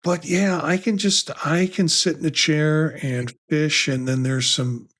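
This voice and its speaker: A man's voice: on the high side, steady tone, a little slow, a bit bright. Rambling male tech podcast co-host. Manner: rambling, with many restarts and asides. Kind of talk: casual tech podcast chat.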